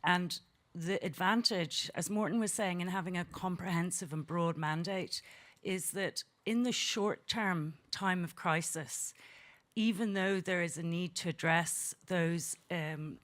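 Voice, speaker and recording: A woman from Belfast, giving measured conference remarks from the floor, with frequent ums and uhs. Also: lowish voice, a bit bright. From Belfast, Northern Ireland. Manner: measured, with frequent 'um' and 'uh' fillers. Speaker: head of a human rights network, speaking from the floor.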